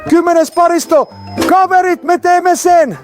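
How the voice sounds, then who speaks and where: Very high, eager male host. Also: over music. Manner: excited, eager, leads the group. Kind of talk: dubbed kids' challenge video.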